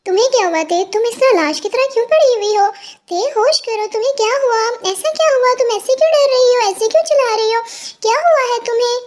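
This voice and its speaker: A woman's voice: extremely high pitch, fast. A woman voicing a protective young male mafia boss who fires off demanding, threatening questions in a fan fiction story. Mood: worried.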